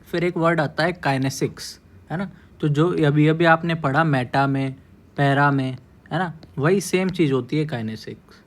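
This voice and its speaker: A man's voice: a little high, moderate pace. A male coaching teacher giving a casual lecture, explaining step by step, mixing English terms into his talk and checking in with "है ना?" after nearly every phrase. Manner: mixes English terms into Hindi.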